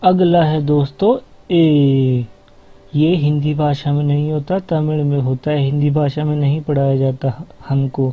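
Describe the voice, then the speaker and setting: A man gives a patient language lesson, drawing out and repeating each vowel sound. He speaks very slowly in a slightly high voice. The audio is thin and tinny, as if recorded over a phone. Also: little pitch movement. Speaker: language teacher. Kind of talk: slow explanatory lesson.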